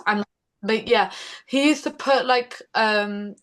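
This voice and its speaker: A woman's voice: fairly high pitch, slow pace. A young woman musician chatting in an interview, chatty and giggly. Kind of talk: casual interview.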